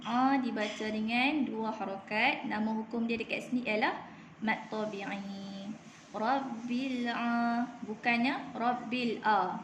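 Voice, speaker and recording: A Malaysian woman teaching Quran recitation, patiently drilling each word slowly and repeating it for her class. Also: fairly high pitch, steady tone, roomy sound, a little hiss or hum. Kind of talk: Quran reading lesson. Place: room at a clinic.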